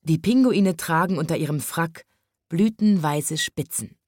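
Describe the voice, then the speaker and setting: A woman voicing a kind, patient young male zookeeper in a storybook, speaking firmly yet gently. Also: sits low, measured pace, no room sound, clean studio sound. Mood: gentle.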